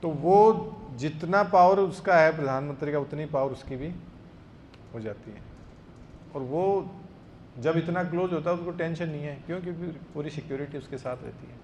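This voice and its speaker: A man's voice: a little high, normal speed, darkish tone, slight background noise. A man giving a devotional discourse, telling a scripture story and acting out the characters' lines. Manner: storytelling, acts out dialogue. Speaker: preacher.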